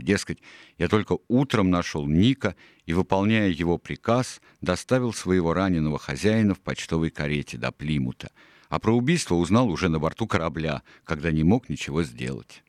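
Deep-voiced male audiobook narrator. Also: no echo, studio quality. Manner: calm, measured storytelling.

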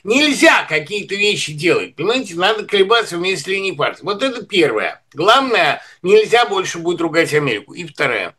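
Male commentator, high-pitched, lecturing and digressive, political talk. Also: sing-song, brisk, hardly any pauses, bright, forceful tone, breathy edge. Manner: lecturing, digressive, full of literary references.

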